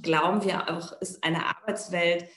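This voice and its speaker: A woman's voice: on the low side, fairly even intonation, a little slow, a bit bright. Woman, architect, keynote speaker, video call, echoey room, thoughtful with many fillers. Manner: thoughtful, loosely structured, frequent "ähm" and "ja?". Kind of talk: conference keynote talk.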